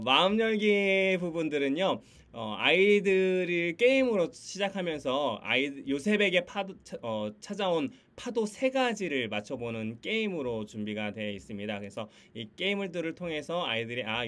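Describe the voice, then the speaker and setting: A man's voice: a little high, animated, normal speed, few pauses, fairly bright tone. A man on a video call walking teachers through a children's Sunday school lesson and quiz games, laughing often and teasing in a playful game voice. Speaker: Sunday school curriculum presenter. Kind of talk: online teacher training. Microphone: computer mic on a video call.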